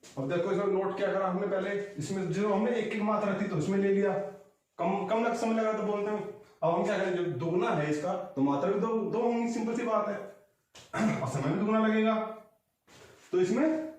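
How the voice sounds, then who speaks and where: A man's voice: high voice, moderate pace, a little mellow, far from the mic. Man teaching in an echoey room. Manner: explains patiently, draws vowels out long. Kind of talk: online exam-prep lesson.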